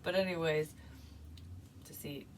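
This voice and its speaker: A woman's voice: low-pitched, fairly even intonation, measured pace, distant mic, noisy background. A woman giving a casual tarot reading, talking in a chatty, rambling way full of fillers. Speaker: tarot reader.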